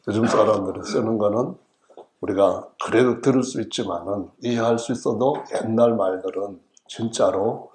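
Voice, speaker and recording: Middle-aged Korean man from the central region, pastor; humorous, folksy sermon delivery, lowish voice, church echo. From Chungcheong region, South Korea. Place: church sanctuary.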